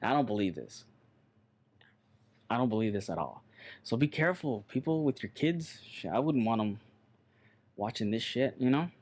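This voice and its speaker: A man's voice: medium pitch, animated, normal speed, long pauses, darkish tone. A man co-hosting a podcast in casual chat, loose and joking, swearing and repeating himself. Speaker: podcast co-host.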